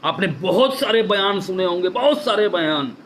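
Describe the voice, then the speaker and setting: Fervent male activist, high voice, live-stream address over a phone mic, faint hiss behind. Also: lively intonation, normal speed, a bit bright. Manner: fervent, repetitive, rhetorical questions. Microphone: phone or webcam for a live stream.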